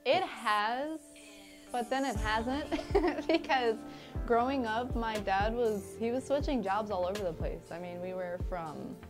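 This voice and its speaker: A young Liberian woman is interviewed casually in an indoor studio set with curtains, music playing underneath. Her voice is a little high and her pace measured, and she chats freely, laughing often and using lots of fillers.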